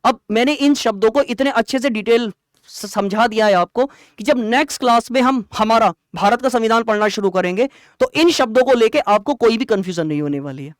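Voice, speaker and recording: A man teaching an online exam-prep lecture explains terms in plain language and tests students with quick rhetorical questions. His voice is very high, recorded in clean studio sound with no echo.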